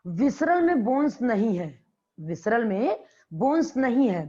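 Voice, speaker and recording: A woman's voice: a little high, sing-song, takes it slowly, mellow. Woman biology teacher with a dull lo-fi sound. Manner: repeats key terms and quizzes students. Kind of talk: classroom lecture. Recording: dull lo-fi classroom recording.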